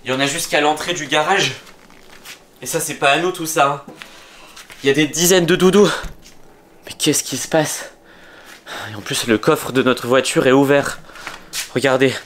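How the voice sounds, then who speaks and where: A young man in his twenties filming himself in a dark house, talking to his viewers in a hushed, suspenseful voice. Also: on the high side, normal speed, long pauses. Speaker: youtuber acting in a home short film. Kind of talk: vlog-style acted sketch narration. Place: dark rooms of a house, indoors. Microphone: phone camera at arm's length. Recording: echoey rooms with background noise.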